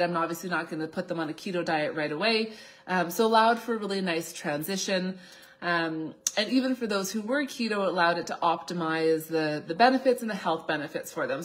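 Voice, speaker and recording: A woman in her thirties with a slight cold, explaining things as a doctor on an informal live Q&A. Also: fairly low pitch. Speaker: naturopathic doctor hosting a live Q&A. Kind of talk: informal live question-and-answer talk. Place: small indoor office, seated at a desk.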